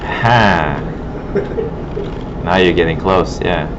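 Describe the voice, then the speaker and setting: With low pitch and drawn-out words, a male art instructor thinks aloud casually during a classroom demonstration as he works. The audio is muffled, noisy, and broken.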